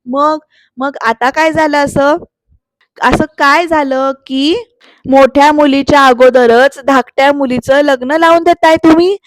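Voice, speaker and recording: Woman voicing a scornful middle-aged matron, accusing, taunting questions, high voice, dry sound. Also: fairly even intonation, measured pace, dry recording.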